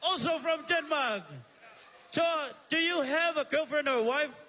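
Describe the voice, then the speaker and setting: A man with a Samoan accent emceeing a live evening stage show, energetic and calling out to the crowd while switching between Samoan and English on a handheld microphone. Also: extremely high pitch, unhurried. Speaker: master of ceremonies.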